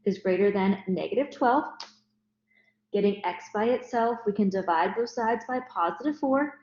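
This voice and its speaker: A woman's voice: medium pitch, darkish tone. A woman teaching math in a recorded lecture, explaining each step. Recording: roomy, dull lo-fi recording.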